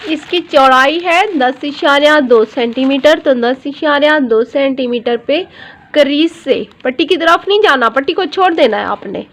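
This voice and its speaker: A woman whose voice sits high and fairly bright, speaking at normal speed, gives a patient sewing tutorial on pattern drafting as a dress designer. Each measurement gets repeated, and she regularly checks on viewers with "theek hai".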